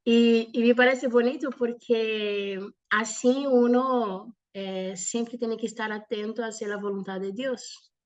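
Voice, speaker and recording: Slow-speaking Brazilian woman mixing Portuguese and Spanish. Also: a little high, steady tone, highs cut off. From southern Brazil. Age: 40s. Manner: hesitant, halting, with frequent pauses. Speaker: speaker giving a personal testimony. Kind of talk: informal religious talk, personal testimony.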